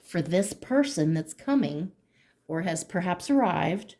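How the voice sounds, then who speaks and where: Lady doing a tarot pick-a-card reading, kinda low mellow voice, hypes you up and swears a lot. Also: measured pace, slight background noise. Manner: emphatic and excitable, casual with frequent cussing; talks straight to the viewer, encouraging.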